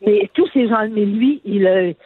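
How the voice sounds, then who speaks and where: An older woman, calling in to a radio talk show, talking earnestly with many halting restarts. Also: mid-range voice, slight background noise. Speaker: caller. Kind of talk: phone-in radio chat. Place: on a phone call from abroad. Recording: tinny phone line.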